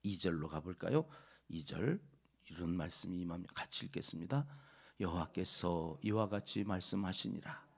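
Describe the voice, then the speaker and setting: A middle-aged man preaching a dawn service sermon, swinging from low murmurs to loud emphatic cries and acting out voices in the story. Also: creaky. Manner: acts out voices of God and the prophet. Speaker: pastor. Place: church sanctuary.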